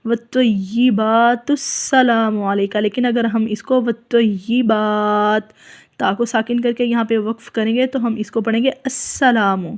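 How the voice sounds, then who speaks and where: A woman with a Pakistani Urdu accent leads a recitation lesson in a slightly high voice. She draws each word out slowly and repeats it, then explains the rule in quick speech. She keeps checking in with her listener, asking "okay?" after each point. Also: little pitch movement, darkish tone. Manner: checks in often with a rhetorical "okay?". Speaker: Quran recitation teacher.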